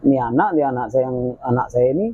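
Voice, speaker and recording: A man with a mid-range voice races through a spooky story from his own life, told as a guest in casual chat. He retells it with energy and acts out the voices of the people involved. The recording has no echo but sounds dull and lo-fi, with faint noise.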